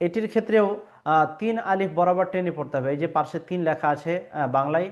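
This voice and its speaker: A man's voice: high-pitched, fast. A man teaching Arabic letter pronunciation in an online lesson, patiently explaining and drawing out each letter sound, with frequent hesitations. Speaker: Quran reading teacher. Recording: dull lo-fi recording.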